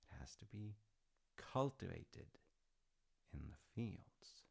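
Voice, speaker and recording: In an intimate audio roleplay, a man plays a proud, affectionate dad, rambling through stories in a musing, conversational way with hesitant asides. His low, sing-song voice is slow, creaky and husky, a full character voice. The mood is musing and fond.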